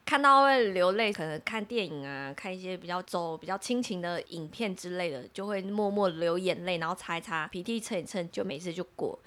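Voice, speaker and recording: A woman co-hosting a casual podcast, telling stories in an animated way and laughing often. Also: lowish voice, fairly quick, few pauses. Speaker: podcast co-host. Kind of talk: casual chat.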